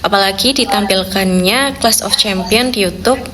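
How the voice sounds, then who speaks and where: A young adult woman in a role-play meeting who puts forward a proposal in a slow, deliberate way. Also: medium pitch, a crowd in the background. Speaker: team member proposing an idea.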